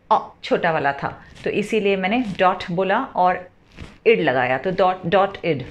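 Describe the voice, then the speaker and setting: A woman teaching English verb pronunciation, spelling words out slowly and often checking with a rising "theek hai?". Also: medium pitch, muffled recording. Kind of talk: spoken lesson, spelling words letter by letter.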